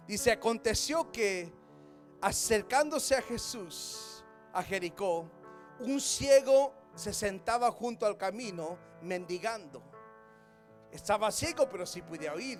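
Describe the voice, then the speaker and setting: A male pastor preaching a sermon, moving from hushed asides to fervent shouting. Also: high voice. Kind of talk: Spanish-language sermon. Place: church service.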